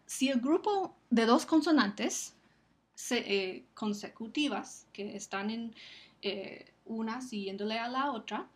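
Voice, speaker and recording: A woman delivers a recorded lecture in a slightly high voice. She explains step by step and sounds out each example word slowly and carefully. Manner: careful, slow enunciation of example words. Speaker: Spanish phonetics lecturer.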